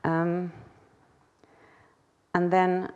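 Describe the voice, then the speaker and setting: A woman's voice: on the low side, monotone, drawn-out words, clear, resonant tone, phone-quality sound. A woman artist presenting her work at a conference talk, hesitant, with many fillers and restarts and self-deprecating laughter. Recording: long hall reverb.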